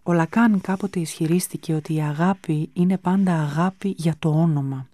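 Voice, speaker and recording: A woman hosting a radio show, giving a calm, measured, scripted book review. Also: deep voice, no room sound. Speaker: radio host presenting books.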